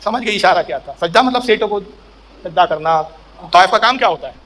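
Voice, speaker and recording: Man, middle-aged, preacher, storytelling sermon, high-pitched, emphatic, acts out voices. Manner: animated storyteller, acts out quoted saints and characters; rising to a raised pitch and emphatic voice in climactic sayings. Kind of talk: Urdu religious sermon with storytelling.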